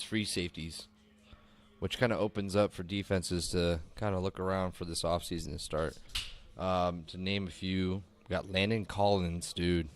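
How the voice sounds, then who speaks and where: A young man with a low, deep voice talks sports on a casual live-streamed podcast. He sticks stubbornly to blunt opinions, filling gaps with "um" and swearing freely. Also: fairly bright tone, smooth. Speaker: podcast co-host. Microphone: streaming podcast mic.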